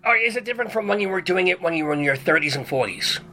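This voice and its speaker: A man voicing an excitable older male rabbi who hosts a comic radio interview and peppers his talk with Yiddish words. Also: sits high, very fast, slight background noise. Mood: chatty. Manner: effusive, sprinkles in Yiddish words. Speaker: host.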